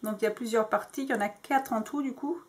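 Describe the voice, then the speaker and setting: French lady chatting about her craft stuff, lots of euh, kinda high voice. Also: quick pace. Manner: hesitant, many fillers. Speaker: crafting vlogger. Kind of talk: casual show-and-tell.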